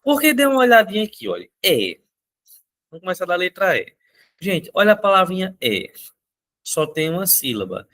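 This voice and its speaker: Energetic male teacher. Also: high voice, moderate pace, long pauses. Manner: energetic, repeats key points, asks viewers questions. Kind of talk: exam-prep lesson.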